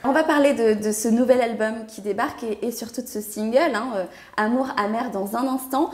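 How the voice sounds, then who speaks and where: A woman hosts a radio interview with upbeat, eager prompts. Her voice sits slightly high, and the recording carries a roomy echo. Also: a little mellow. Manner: enthusiastic, quick affirmations. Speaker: radio host.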